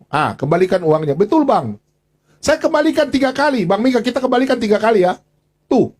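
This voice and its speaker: Animated high-pitched aggrieved man. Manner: aggrieved, pleading, repetitive. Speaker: livestream host. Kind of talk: emotional livestream rant.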